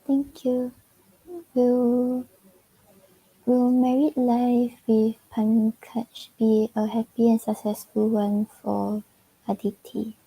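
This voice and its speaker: On a livestream, a Singaporean-accented woman from Singapore does casual tarot readings slowly, her slightly high voice dark, husky and completely flat. The recording quality is low. She chats freely, often giggling and using "like" as filler.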